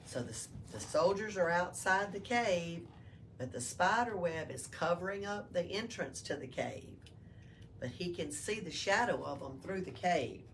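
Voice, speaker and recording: Captured from afar by a room microphone, with faint background noise, a woman reads a storybook to children in a library as its storyteller. She speaks in a lowish, expressive voice at a measured pace.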